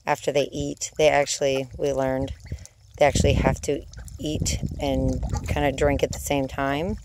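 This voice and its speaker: A woman chatting casually as she films her family farm outdoors on a handheld phone, gentle with the animals. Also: a bass voice, flat delivery, measured pace, noisy background. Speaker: homesteader filming family farm. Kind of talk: casual narrated farm vlog. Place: outdoors on a farm, in a small livestock shelter.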